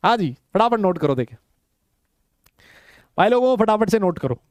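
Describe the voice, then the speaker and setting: A man teaches a live online chemistry class, teasing and bantering with his students in a mix of Hindi and English while he explains. His voice is high with big pitch swings, his pace moderate, and there's no room sound.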